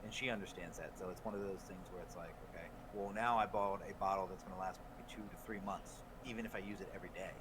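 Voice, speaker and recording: A man co-hosting a podcast in casual chat. He rambles, restarts his sentences, swears and laughs often. Clear background noise sits behind his voice. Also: low voice, fairly even intonation, quick pace, few pauses. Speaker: podcast co-host.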